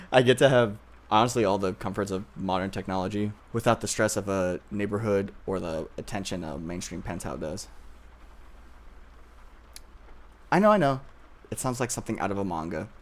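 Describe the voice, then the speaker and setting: In an ASMR roleplay, a man plays an obsessive boyfriend who is a childhood friend, tender yet possessive. His voice sits on the low side, and he speaks softly and hesitantly, with nervous pauses, in a casual, reflective mood.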